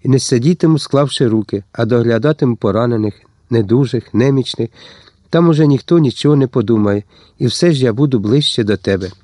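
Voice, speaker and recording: A man voicing a devoted young woman who speaks earnestly and calmly. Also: medium pitch, brisk, no room sound, studio quality, close to an everyday voice.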